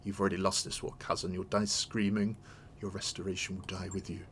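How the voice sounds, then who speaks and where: A man's voice: low voice, level tone, fairly quick, fairly bright tone, a little hiss or hum. A man voicing a proud, scornful captured villainess from a video game, with the threatening manner of a sputtering foiled villain. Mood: defiant. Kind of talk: dramatic read-aloud of video game dialogue.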